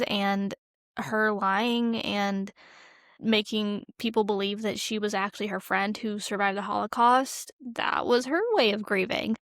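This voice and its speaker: A woman with a mid-range voice co-hosts a podcast, talking through films in an informal, conversational way and often saying "like." The sound is clean studio quality with no echo.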